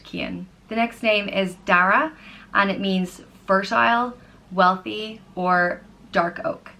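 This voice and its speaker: A woman's voice: lowish voice, pushed and bright. An Irish woman casually explaining how names are spelled and pronounced, spelling them out letter by letter with frequent ums. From Ireland. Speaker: vlogger teaching name pronunciation.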